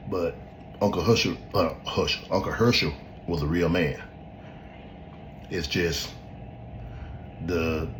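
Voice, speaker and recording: A man's voice: low voice, slight background noise, low-quality recording. A man hosting a podcast, talking in a blunt and emphatic way with casual swearing, giving his opinion in a loose, unscripted chat. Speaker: podcast host. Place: at home in front of a laptop.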